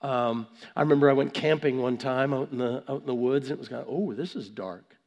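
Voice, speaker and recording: A man preaching conversationally with a gravelly voice affected by a cold, halting and repeating words as he stresses his points. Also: mid-range voice, darkish tone, muffled recording. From Vancouver, Canada. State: has a cold. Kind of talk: conversational sermon. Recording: long hall reverb.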